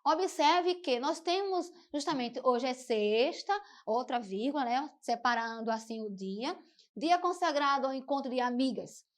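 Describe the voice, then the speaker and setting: A woman's voice: high voice, unhurried. A woman teacher giving a televised school lesson, explaining step by step and often saying "então" and "né". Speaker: Portuguese teacher.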